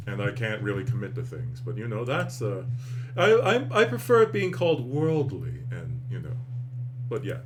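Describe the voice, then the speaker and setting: A man with a standard American accent, chatting casually in a rambling, self-deprecating way as he reacts and comments. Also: medium pitch. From United States. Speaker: online host reacting and commenting. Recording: clear background noise.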